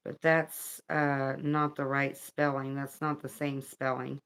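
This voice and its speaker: A woman giving a casual spiritual card reading, reading aloud in a slow, thoughtful way and second-guessing herself. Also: rumbling low, little pitch movement, a bit bright.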